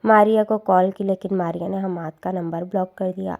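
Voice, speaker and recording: A woman narrating a dramatic story in a steady, earnest scripted reading. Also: medium pitch, vocal fry.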